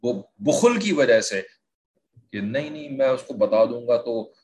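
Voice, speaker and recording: A man's voice: mid-range voice, big pitch swings, a little mellow. A man teaching the meaning of Quranic verses word by word, often asking if his listeners follow and mixing in English words. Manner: repeats "theek hai" to check understanding, mixes in English words.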